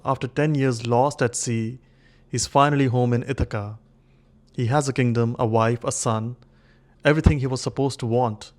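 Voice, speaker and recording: A man giving an earnest scripted narration in a brisk, storytelling manner with clipped pauses. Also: mid-range voice. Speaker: video essay narrator.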